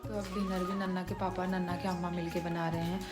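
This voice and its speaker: A woman's voice: on the low side, little pitch movement, fairly quick. A woman in her twenties from the Uttarakhand hills with a Pahadi Hindi accent, chatting homely and step by step through her family's day in a vlog. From Uttarakhand hills, India. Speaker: family vlogger. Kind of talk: casual daily-life vlog narration. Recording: background music under the voice.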